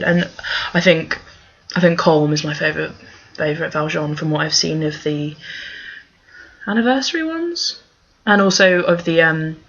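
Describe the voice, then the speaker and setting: A young woman with a slightly low, husky voice talks casually through a fan questionnaire. She is gushing and emphatic, often halting and drifting into asides. The recording is dull and lo-fi. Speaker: fan answering a question tag. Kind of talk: casual chat to camera. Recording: dull lo-fi microphone.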